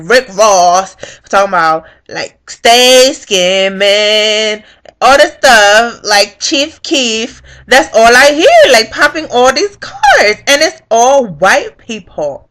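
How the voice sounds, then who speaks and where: A woman's voice: on the high side, big pitch swings, slow, a bit bright. A young woman telling a story on her vlog in a casual, profane way, acting out what people said. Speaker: vlogger.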